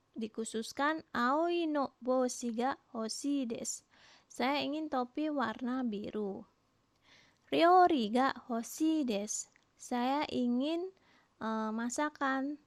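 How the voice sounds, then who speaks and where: A woman teaching a language lesson, explaining patiently and modelling each phrase slowly, with questions rising at the end. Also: high-pitched, no echo. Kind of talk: recorded online lesson.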